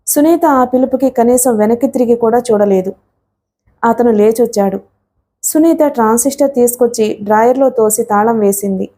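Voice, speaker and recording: Mellow-voiced woman reading a novel. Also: on the high side, normal speed. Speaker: audiobook narrator. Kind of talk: scripted narration of a novel.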